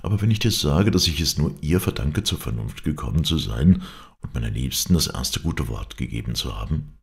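Male reader doing an eager lovestruck groom, deep gravelly voice, lively rises. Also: fairly quick, exaggerated voice. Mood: earnest. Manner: eager, earnest. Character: young man, lovestruck eager bridegroom.

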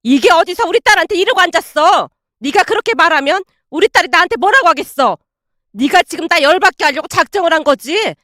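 Woman voicing a shrill bullying mother-in-law. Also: big pitch swings, normal speed, no echo, studio quality, exaggerated voice. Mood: shouting. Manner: scornful, shouting.

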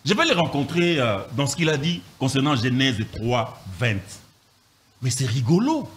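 A man, a pastor teaching from the Bible in an animated, emphatic way, repeating phrases and firing rhetorical questions. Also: medium pitch, normal speed.

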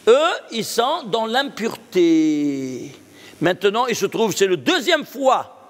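A man with a high voice teaches a Torah lesson as a rabbi. He keeps posing questions and answering them himself, checking that his class follows along. His voice rings through a hall with a long trailing reverb. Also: big pitch swings, slow. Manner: checks understanding with the audience.

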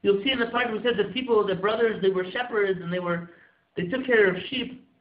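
A man with a fairly high voice delivers a motivational religious sermon as a rabbi. He is earnest and exhorting, leaning on repetition and rhetorical questions. The recording is thin like a phone line, with strong room echo. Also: brisk. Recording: echoey room, phone-like muffled audio.

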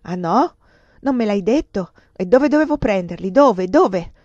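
A woman voicing a desperate, furious man, a ruined lover turned thief, shouting bitter accusations. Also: mid-range voice, animated, measured pace, dry recording. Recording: dull lo-fi dry recording.

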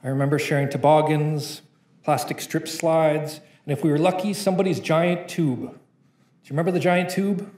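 A young man from Canada, a poet, gives a rhythmic, playful spoken-word performance from his notes at a conference. His slightly high voice holds a steady, darkish tone at a normal speed, and the conference room sounds roomy.

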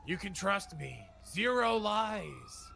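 A man playing a gravelly smug suspect. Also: sits high, very animated, slow, sharp tone, slight background noise, exaggerated voice. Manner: smug, denying everything. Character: shifty knife-wielding male suspect. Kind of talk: game role-play.

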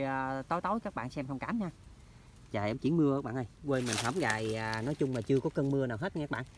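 A man's voice: medium pitch, a little hiss or hum. A man with a Mekong Delta Vietnamese accent, chatting casually to viewers in an outdoor vlog while walking through rural orchards and canal banks. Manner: chatty, keeps addressing viewers as friends. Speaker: hunting vlogger.

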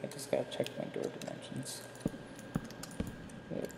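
Speaking at a measured pace, this young man offers loose, rambling commentary on a game for his YouTube channel, poking fun at himself along the way. A retainer causes a slight speech impediment. Music plays in the background of an echoey, roomy, noisy recording.

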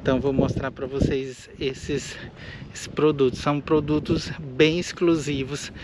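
Amid very noisy surroundings in an airfield hangar, a Brazilian man from Minas Gerais vlogs as he walks, a pilot and eye doctor running his own channel. He speaks at a medium pitch, flat and a little slow, often restarting and padding with fillers as he rambles.

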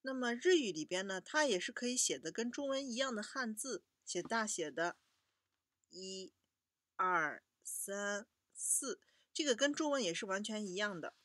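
A woman teaching a children's language lesson, patiently repeating each word slowly for young learners. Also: mid-range voice, lively intonation, fairly bright tone, no room sound, clean studio sound.

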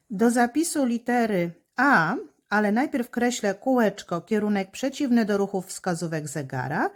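A woman teacher explaining handwriting step by step, slowly and patiently, to children. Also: medium pitch, darkish tone.

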